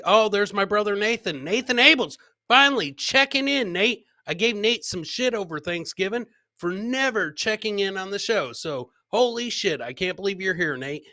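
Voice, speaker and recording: A man in his forties hosts a live comedy clip show, chatting in a jokey, profane way and repeating his phrases. His voice sits high and sounds pushed and bright. The dry recording comes from a close podcast mic on a boom arm or a headset.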